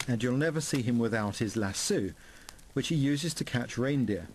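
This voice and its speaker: A man narrating a documentary in a calm, measured, scripted way. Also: medium pitch, a little hiss or hum. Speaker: presenter narrating.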